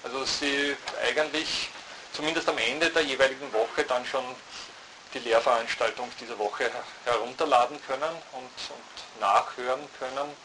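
A man lecturing at a university, thoughtful and halting, often restarting his sentences. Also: medium pitch. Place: lecture hall. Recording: noisy lecture hall recording.

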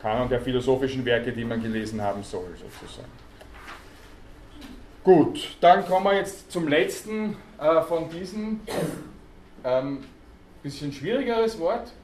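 Recorded by a student in the audience, a man delivers a university lecture, explaining terms and quizzing the students with plenty of hesitation sounds. His mid-range voice is animated and a little mellow, slightly slow with frequent pauses. The hall echoes, with faint background noise.

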